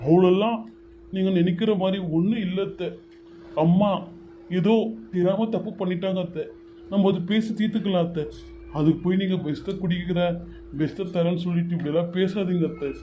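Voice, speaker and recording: A man's voice: high voice, fairly even intonation, a little fast, mellow, a little hiss or hum, close to an everyday voice. A man voicing a stubborn husband who firmly scolds his brother and defends his mother-in-law, in a homemade serial drama. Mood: consoling. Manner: firm, scolding.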